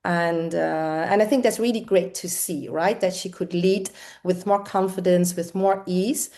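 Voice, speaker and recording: A woman's voice: on the low side, steady tone, measured pace, a little mellow. A middle-aged woman from the Netherlands, an executive coach, answering interview questions in a thoughtful way with frequent fillers.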